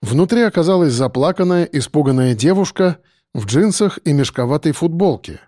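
A man reading a first-person audiobook narration, steady and matter-of-fact. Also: on the high side, moderate pace, no echo, clean studio sound.

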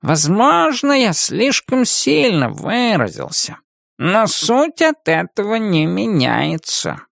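A woman voicing a world-weary, ironic male cat in an audiobook, talking slowly and dryly. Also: medium pitch, big pitch swings, vocal fry, no room sound, studio quality, pitched above the performer's own voice, full character voice. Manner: slow, drawling and dryly ironic.

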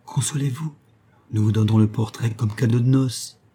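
A man reading aloud, voicing a shy young noblewoman who speaks softly and hesitantly in a raised voice. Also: medium pitch, steady tone, normal speed, natural voice. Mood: shy, gentle. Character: shy young noblewoman, gentle and a little teasing.

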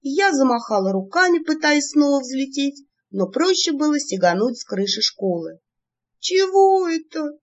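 A woman narrating a first-person story in an expressive, lively reading, in a dull lo-fi recording. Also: high-pitched, normal speed, few pauses. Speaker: audiobook narrator.

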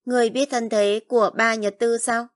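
A woman reading as a calm, resolute young noblewoman. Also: fairly high pitch, moderate pace, dry recording, studio quality, natural voice. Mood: guarded. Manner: quiet, calm and firm. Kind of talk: audiobook narration.

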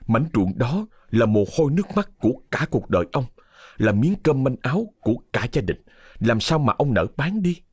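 A man narrating a ghost story in a dramatic, expressive storytelling manner. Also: medium pitch, normal speed, slightly rough, no echo, studio quality. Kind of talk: scripted horror story narration.

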